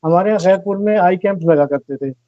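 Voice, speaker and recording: A man with a notably high voice talks earnestly as an interview guest, reflecting and illustrating his points with examples. The sound is dry and close, with a slightly dull, muffled tone. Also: fast, no room sound. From Pakistan. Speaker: guest, volunteer organizer. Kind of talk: conversational interview talk.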